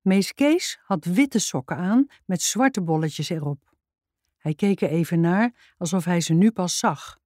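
A woman's voice: fairly low pitch, expressive, measured pace, dark tone, no room sound, studio quality. A woman reading a children's book aloud in a careful storytelling manner. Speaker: storybook reader.

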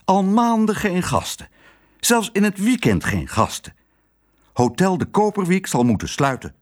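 A man's voice: sits high, big pitch swings, unhurried, pitched above the performer's own voice. A man voicing a gloomy middle-aged male hotel owner who talks somberly and cries out in alarm, in a storybook reading.

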